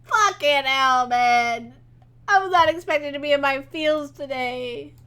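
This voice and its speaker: A woman gamer talks through a blind playthrough, reacting with loud, emotional outbursts and swearing. Her voice sits high and bright and her talk unhurried, with faint game music behind her. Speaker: let's play gamer.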